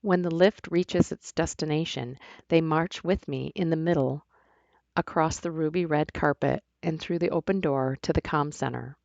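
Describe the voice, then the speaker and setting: A woman reading her own novel aloud in first person, plain and unhurried, with small restarts. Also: sits low, gravelly, a little mellow, dry recording, lo-fi sound. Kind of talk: first-person audiobook narration.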